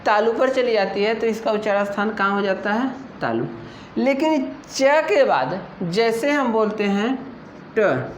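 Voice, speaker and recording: A woman teaching an exam-prep Hindi lesson, explaining slowly and patiently and asking her students questions as she goes. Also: on the high side. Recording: echoey room with faint noise.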